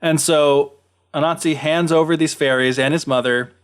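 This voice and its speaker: A man's voice: fairly high pitch, normal speed, clean tone. A man co-hosting a podcast, casually retelling a folktale with lots of fillers. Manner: animated, filler-heavy retelling. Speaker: podcast co-host. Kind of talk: casual storytelling.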